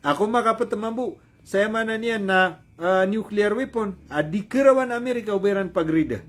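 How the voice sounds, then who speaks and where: A man giving informal news commentary, talking loosely with fillers and self-corrections, and reading English quotes slowly. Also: high voice.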